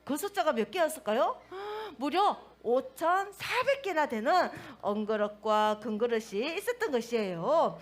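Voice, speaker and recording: Woman, children's pastor, toddler sermon, high voice, very lively pitch, asks questions. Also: measured pace, hardly any pauses.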